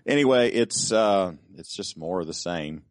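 A man's voice: low-pitched, expressive, normal speed, no echo. A man co-hosting a podcast in a casual chat, rambling and often repeating his words as he starts a thought. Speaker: podcast co-host.

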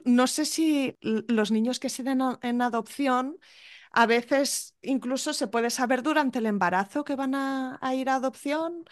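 A woman's voice: high-pitched, unhurried, no room sound, clean studio sound. A woman hosting a podcast, asking short clarifying questions of her guest. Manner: brief clarifying questions and backchannels. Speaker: podcast host. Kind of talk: interview questions.

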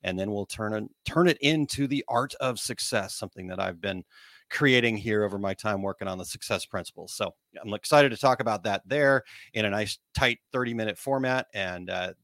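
A man's voice: fairly low pitch, fairly quick, fairly bright tone, no echo. A man with a Missouri accent chatting casually and folksily as a podcast co-host. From Missouri, United States. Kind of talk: casual chat.

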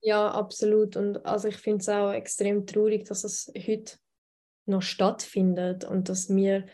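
Young swiss woman in a radio interview, pretty flat delivery, warm low tone, says lots of ähm. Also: measured pace. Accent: Swiss German. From Switzerland. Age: 20s. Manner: thoughtful and direct, with frequent fillers. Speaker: author and guest.

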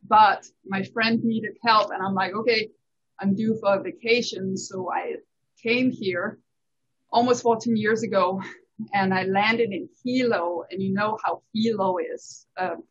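A woman from Denmark, a tax accountant chatting in an interview and telling lively stories with frequent laughter. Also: medium pitch, breathy edge. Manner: animated storyteller, laughs often. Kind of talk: casual interview chat. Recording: dull lo-fi recording.

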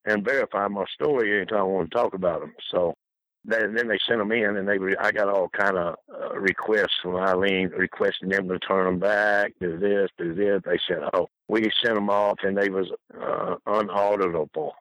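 Older man, forceful bright tone, close dry sound, folksy rambling raconteur. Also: low-pitched, fairly even intonation, moderate pace, no room sound, highs cut off. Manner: folksy, colloquial storytelling. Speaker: interview guest telling career stories. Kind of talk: rambling anecdotal casual talk.

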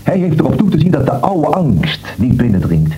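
An actor playing an earnest friend who reasons with a doubter and warns him, in a radio drama. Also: male voice, medium pitch, wildly swooping pitch, normal speed, dark tone, poor audio. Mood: reasoning. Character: earnest man warning his doubting friend.

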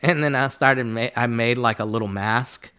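A man with a clean-toned, mid-pitched voice talks at normal speed as a podcast guest, an artist recounting a drawn-out story. His telling is loose and easygoing, heavy on fillers and profanity.

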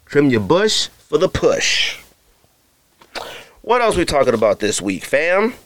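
Slow and on the high side, this voice belongs to a married adult man hosting a solo sneaker podcast with no echo. He jokes around with animation, addresses listeners directly, and works an ad read into the casual chat.

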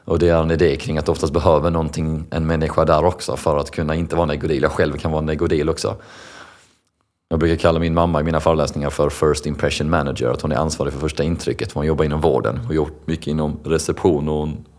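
A man's voice: extremely low pitch, level tone, a little mellow. A young man, a lecturer, answering interview questions in an earnest storytelling way. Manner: earnest, storytelling, acts out quoted voices. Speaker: lecturer and speaker. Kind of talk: conversational interview answers with anecdotes.

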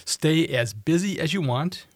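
A man's voice: fairly high pitch, lively intonation, measured pace, dry recording. A man hosting a radio show, reading announcements and sponsor copy.

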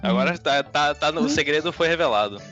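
Brazilian man, podcast co-host, animated self-mocking storyteller, slightly muffled sound with soft music. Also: fairly high pitch, brisk. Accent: Brazilian Portuguese. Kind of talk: casual storytelling chat.

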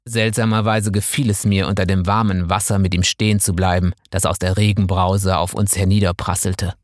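A man calmly reading a first-person story aloud in measured scripted narration. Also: sits low, dry recording, studio quality. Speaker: audiobook narrator.

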